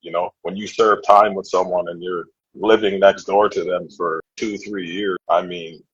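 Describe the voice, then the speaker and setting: A deep, very husky man from Nova Scotia, Canada, is the guest in a candid interview, earnest and reflective, circling back over his words as he thinks. He speaks at normal speed with fairly even intonation and a fairly bright tone, heard through a dull, dry, lo-fi remote call.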